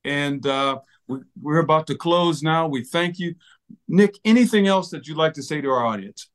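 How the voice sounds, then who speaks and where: A man's voice: on the high side, moderate pace. A man hosting an interview, asking questions and encouraging his guest in a friendly way. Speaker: host.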